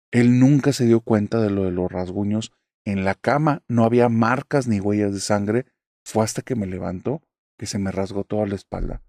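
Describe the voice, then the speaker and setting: A man reads a listener's horror story in the first person, in an even, steady storytelling voice. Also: mid-range voice, no room sound, studio quality. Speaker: narrator.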